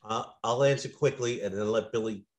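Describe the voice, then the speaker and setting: A man's voice: medium pitch, fairly quick, low-quality recording. A middle-aged man, a former police officer, telling stories as a podcast guest in an earnest way, often restarting his words. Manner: earnest, repeats and restarts words when moved. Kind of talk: conversational storytelling.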